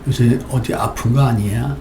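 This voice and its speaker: A man doing a soft, coaxing wife. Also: medium pitch, fairly even intonation, normal speed, reverberant, a little hiss or hum, natural voice. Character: gentle, coaxing middle-aged wife.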